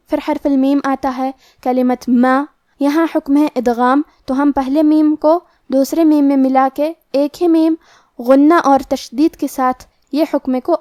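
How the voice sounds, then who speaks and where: A woman's voice: high voice, mellow, no echo, studio quality. A woman teaching the rules of Quran recitation, explaining each rule step by step. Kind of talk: tajweed lesson.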